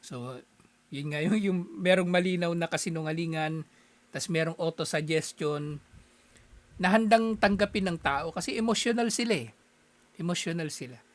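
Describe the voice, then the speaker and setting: A man from the Philippines giving a casual, animated talk, chuckling often and acting out little exchanges as he explains. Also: a little high, moderate pace, long pauses.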